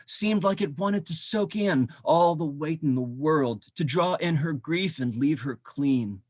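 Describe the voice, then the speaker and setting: A man, a poet, reading his poems at a virtual event, slow and dramatic in the verses, loose with ums between them. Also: a little high, no echo, studio quality. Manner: measured, dramatic reading with slow drawn-out phrases; relaxed, halting asides with frequent ums. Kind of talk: poetry reading. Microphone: video call.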